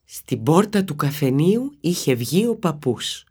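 A woman narrating a children's story in a steady, expressive reading voice. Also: deep voice, husky.

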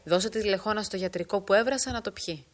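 A woman's voice: medium pitch, close to an everyday voice. A bold, scheming old village woman, voiced by a woman reading the story aloud. She talks firmly and urgently, pressing her listener with confident, persuasive words. A plain, lightly acted storybook voice.

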